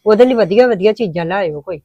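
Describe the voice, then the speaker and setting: A woman's voice: medium pitch, animated, quick pace, dry recording, dull audio. A woman playing an older mother and wife who talks in a welcoming, homely way.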